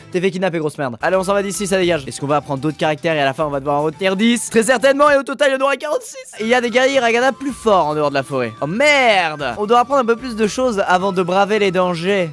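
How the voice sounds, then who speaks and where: A fast-talking man gives excitable commentary while playing a game, his high voice bouncing all over. He jokes crudely and swears often. Soft game music plays faintly behind him. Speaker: gaming video host. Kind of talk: gaming commentary.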